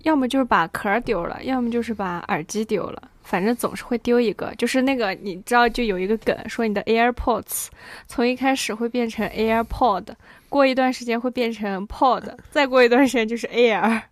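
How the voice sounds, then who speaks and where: A young woman in her twenties chats on a podcast and tells stories in an animated way. Her voice sits a little high. The sound is dry and close. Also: a little fast, dry recording. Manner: animated storytelling, often asks "you know?". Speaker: podcast co-host. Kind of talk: casual chat.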